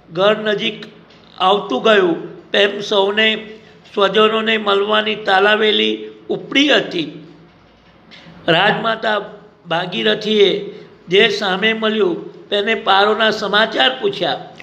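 A man reading a novel aloud as a narrator, in a measured, steady storytelling manner. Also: sits high, creaky. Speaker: audiobook narrator.

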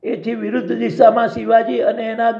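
Very high-voiced gravelly man narrating. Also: monotone, normal speed. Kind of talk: storytelling narration. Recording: dull lo-fi recording.

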